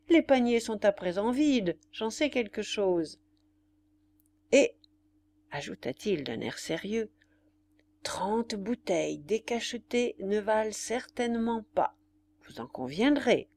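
A wry army aide-de-camp from a storybook, delivering jokes with a straight, serious face, as a woman narrator puts him on. The voice is a little low. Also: creaky, darkish tone, husky, exaggerated voice. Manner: mock-serious, mischievous. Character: joking, ironic male aide-de-camp officer.

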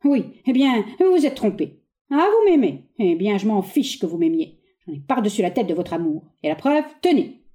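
Haughty exasperated gentleman, read by a woman. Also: mid-range voice, big pitch swings, moderate pace, lightly acted. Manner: condescending, sharp, exclamatory. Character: indignant middle-aged gentleman, haughty and exasperated. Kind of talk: reading a stage play aloud.

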